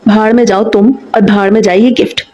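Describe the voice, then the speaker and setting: A woman voicing an angry, sharp-tongued young woman in a romance audiobook, speaking in a scolding, indignant way. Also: mid-range voice, fairly even intonation, brisk, lo-fi sound, natural voice.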